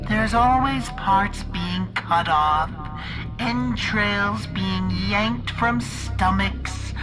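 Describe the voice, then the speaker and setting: A woman voicing a sadistic, playful, monstrous cartoon cat in a slow, theatrical horror monologue full of giggles and whispers. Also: medium pitch. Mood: taunting menace. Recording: music behind the voice.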